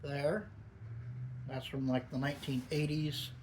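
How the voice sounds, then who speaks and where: A man's voice: medium pitch, little pitch movement, a little slow, noisy background. A man giving a casual, musing solo video review, talking with a lip full of dip. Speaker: product reviewer. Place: upstairs in a garage.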